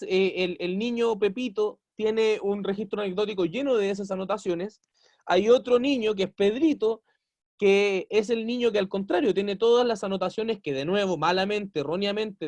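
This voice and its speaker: A man lectures a university class in an explanatory tone. His voice sits high, and he keeps asking rhetorical questions and acting out little quoted exchanges. The recording is dry and close, with no room sound. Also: gravelly, a little mellow, no echo. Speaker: teacher.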